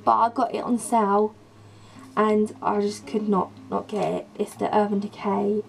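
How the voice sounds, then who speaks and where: A young woman with a croaky voice from a sore throat, chatting in a rambling, gushing way as she films a vlog in her bedroom on a camera mic. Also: medium pitch, flat delivery, normal speed, poor audio. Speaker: beauty and lifestyle vlogger.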